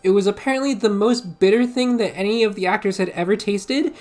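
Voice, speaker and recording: A woman's voice: mid-range voice, fairly quick, darkish tone. A woman streamer chatting casually over a game, giggly and rambling, swearing now and then. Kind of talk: casual gaming commentary.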